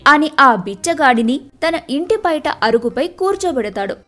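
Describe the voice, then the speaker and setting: A woman narrating a scripted moral tale in a steady, measured way. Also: sits high, faint music behind. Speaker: storyteller.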